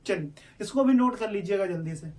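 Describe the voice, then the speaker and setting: A man's voice: high-pitched, lively intonation, fairly quick, darkish tone, distant mic. A male teacher explaining step by step in an online exam-prep lesson, asking questions and answering them himself.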